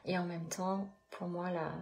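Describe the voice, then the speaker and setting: A woman's voice: fairly low pitch, flat delivery, a little slow, darkish tone. A woman meditation coach and channel host, talking casually and encouragingly to her live audience after a guided meditation, with many hesitations and restarts.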